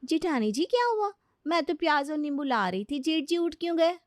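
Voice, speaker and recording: A woman voicing a lazy, carefree young bride who talks in a drowsy, drawn-out voice. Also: high voice, very animated, dry recording, studio quality, pitched above the performer's own voice. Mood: breezy, carefree.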